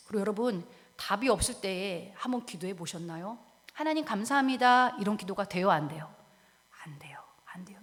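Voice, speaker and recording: A woman pastor preaching a sermon, dramatic, dropping to hushed whispers and rising to loud cries while she asks the congregation direct questions. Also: on the high side. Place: church sanctuary. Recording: long reverb of a church hall.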